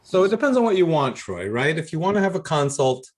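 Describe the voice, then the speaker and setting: A man's voice: fairly high pitch, very animated, fast talker. A man hosting an online workshop, explaining recording tools in an upbeat, casual way over a video call. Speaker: workshop host. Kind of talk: casual instructional talk.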